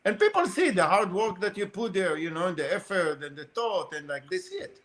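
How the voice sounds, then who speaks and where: A man with a high, bright, forceful voice talks in a loose, rambling way, piling up fillers like "you know" and "like" as he tells racing stories. It is casual podcast conversation, animated and unpolished. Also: fairly quick. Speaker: guest, RC car racer.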